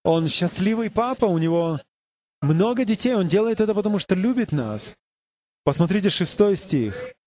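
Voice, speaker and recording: Man, preacher, sermon, earnest, mellow voice, slightly high. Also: lively intonation, moderate pace. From United States. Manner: earnest preaching with rhetorical questions to the congregation.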